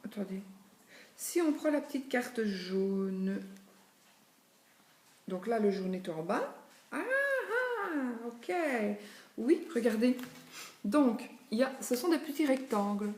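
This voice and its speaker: A woman's voice: medium pitch, expressive, takes it slowly, long pauses, darkish tone. Chatty woman in an echoey room. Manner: chatty, thinks aloud with many asides. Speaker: tarot reader presenting a deck. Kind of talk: casual chat while showing cards. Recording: echoey room with faint noise.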